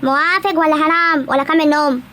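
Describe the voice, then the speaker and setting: A woman voicing a young, sharp-tongued, pregnant village wife in an animated comedy, with an Egyptian rural accent and quick bickering talk. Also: sits high, a little hiss or hum. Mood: sassy.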